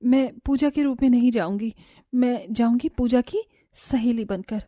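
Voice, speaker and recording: A woman voicing a very high, earnest cartoon mother. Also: normal speed, dry recording, studio quality, close to an everyday voice. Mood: relieved. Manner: earnest and bright, very high sweet voice. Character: young mother posing as a kindly stranger.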